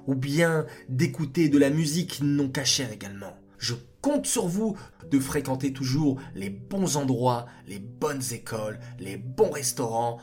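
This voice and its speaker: A man narrating a story for children in an expressive way, speaking to them directly. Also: mid-range voice, measured pace, soft background music. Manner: animated and expressive.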